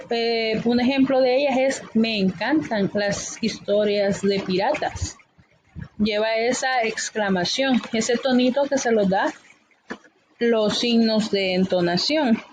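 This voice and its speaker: A woman teacher explaining a grammar lesson patiently, often pausing with fillers. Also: a little high, darkish tone, a little hiss or hum, low-quality recording.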